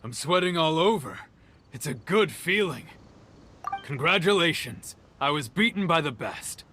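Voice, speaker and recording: A male actor playing a humble, earnest fighter who speaks plainly and quietly. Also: on the high side, expressive, measured pace, slight background noise.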